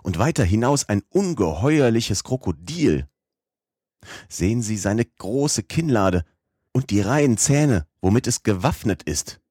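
Audiobook casting: a man doing an eager, excitable old professor, voice pushed up higher than the narrator's. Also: a little slow, husky, dry recording, studio quality, full character voice. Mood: excited. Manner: exclaiming, eager. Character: excitable older male professor, eager scholar. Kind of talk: audiobook character voice.

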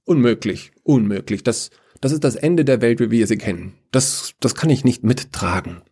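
A man's voice: mid-range voice, sing-song, slow, mellow, slightly rough, voice pushed up, exaggerated voice. A man voicing Order, a fussy, bureaucratic male figure who talks in a prim, hectic way.

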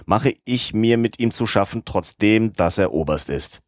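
A man's voice: on the low side, lively intonation, unhurried, no echo, studio quality. A man reading a fretful loyal manservant. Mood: worried. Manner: worried, eager.

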